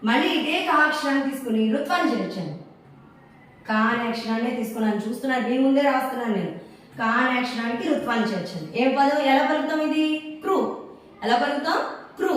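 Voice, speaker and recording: A woman teacher drilling letter signs for children, slowly repeating each sound and asking and answering her own questions. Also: a little high, distant mic. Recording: very echoey room, voice away from the mic.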